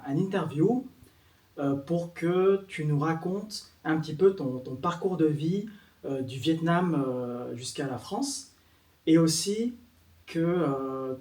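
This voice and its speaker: Guy hosting an interview, kinda high voice, lots of uh, echoey room a bit off mic. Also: darkish tone, far from the mic. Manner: friendly, halting, with fillers. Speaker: interviewer, channel host. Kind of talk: casual interview.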